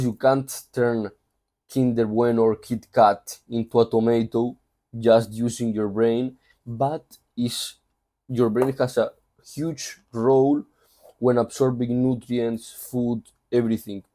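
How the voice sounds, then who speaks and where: Here a man from Spain reviews a book, recapping it loosely and conversationally with plenty of asides. His voice is mid-range and warm, carrying a Spanish accent.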